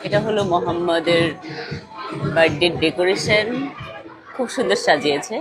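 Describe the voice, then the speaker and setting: A woman's voice: fairly low pitch, normal speed, over loud music. A young woman, narrating a casual family vlog and coaxing her son with short questions. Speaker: vlogger and mother.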